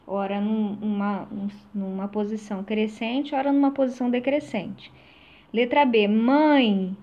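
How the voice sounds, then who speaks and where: A woman teacher giving a recorded lesson, slow and full of hesitations and tag questions. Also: mid-range voice, steady tone, mellow, lo-fi sound.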